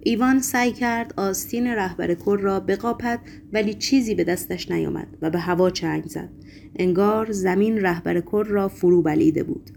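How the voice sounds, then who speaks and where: A woman narrating a novel as an audiobook, with steady, measured reading. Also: medium pitch, gravelly, slight background noise. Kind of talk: scripted narration.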